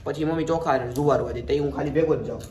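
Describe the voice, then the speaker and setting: A man's voice: fairly high pitch, quick pace, a little mellow, highs cut off, a little hiss or hum. A young man with a Gujarati accent, chatting casually to viewers in a vlog. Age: young adult. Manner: chatty, addresses viewers as guys. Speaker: vlogger.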